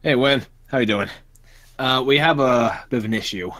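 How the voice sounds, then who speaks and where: A man's voice: mid-range voice, moderate pace, a bit bright, dry recording. A man speaking in character as a player in a tabletop game, casual and summarizing with fillers.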